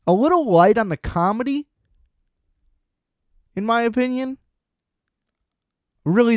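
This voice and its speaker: A man hosting a solo podcast, chatting casually about TV in an excitable, profane, rambling way. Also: high voice, dry recording, studio quality. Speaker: podcast host.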